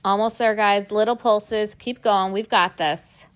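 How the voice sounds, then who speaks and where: A woman's voice: medium pitch, steady tone, measured pace, clean tone. A young woman leading a workout class, encouraging and cueing the moves while she exercises along, strained from the effort. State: strained, working out while talking. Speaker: fitness instructor.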